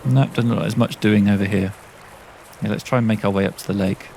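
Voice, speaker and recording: A man's voice: on the low side, steady tone, fast, darkish tone, slight background noise. A man casually commentating a game as he plays, chatting and reading all the on-screen lines aloud himself. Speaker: gameplay commentator. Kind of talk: casual let's-play commentary.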